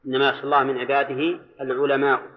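A man teaching Quran commentary in a classroom lecture, speaking deliberately, repeating key phrases and quizzing his students. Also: medium pitch, monotone. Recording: dull lo-fi lecture recording.

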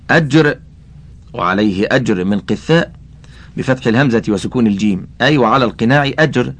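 A man reading a classical religious text aloud as an audiobook, adding commentary and carefully spelling out how names are voweled. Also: mid-range voice. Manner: addresses the listener directly. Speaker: audiobook reader.

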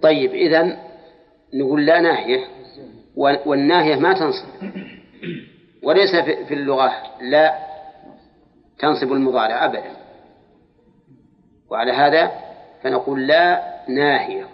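A man's voice: medium pitch, normal speed, long pauses. Male religious teacher, lecture style, stretches words to quiz his class, muffled hall recording with a lingering echo. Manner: questions students, drawls words for emphasis. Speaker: Islamic scholar teaching Quran exegesis. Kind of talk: classroom lecture on Quranic grammar.

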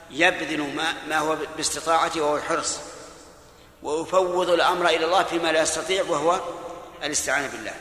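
A man's voice: on the high side, bright, forceful tone, roomy sound, in a large hall. A man giving a classroom lesson, questioning students and patiently repeating grammar rules and explanations. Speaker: Islamic teacher.

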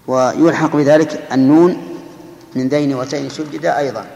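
A man's voice: a little high, steady tone, normal speed, creaky, warm tone. A man giving a grammar lesson, explaining step by step and putting questions to his students. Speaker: teacher. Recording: echoey hall recording, faint noise.

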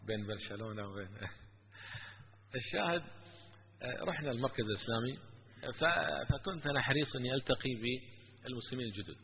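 A man preaching and telling stories in an animated religious lecture. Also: fairly low pitch, slight background noise. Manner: animated, with stories and rising emphasis. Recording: tinny lo-fi with long hall echo.

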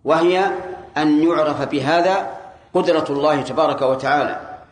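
Higher-voiced man teaching in an echoey room. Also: moderate pace. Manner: explanatory, quizzes students directly. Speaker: teacher of Quran commentary. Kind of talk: classroom lesson explaining a text. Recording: echoey room with faint hiss.

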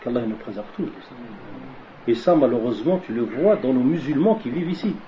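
A man's voice: mid-range voice, expressive, fast, mellow. A man giving a religious lesson who keeps asking questions and answering them himself, mixing Arabic religious phrases into his French and repeating key lines for emphasis. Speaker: preacher. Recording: dull lo-fi recording with faint noise.

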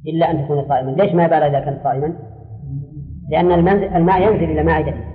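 A man's voice: a little high, fairly even intonation, racing. Man lecturing in an echoing hall. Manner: explanatory, answers students' questions, repeats key words. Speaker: religious scholar teaching a class. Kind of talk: classroom lecture on Islamic law. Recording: phone-like audio in a long-echoing hall.

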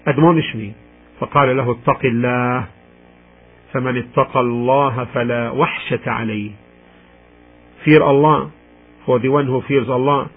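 A man gives a religious lecture in measured, deliberate phrases, alternating between recitation and translation. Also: medium pitch, breathy edge. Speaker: Islamic lecturer. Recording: muffled, tinny radio-like sound.

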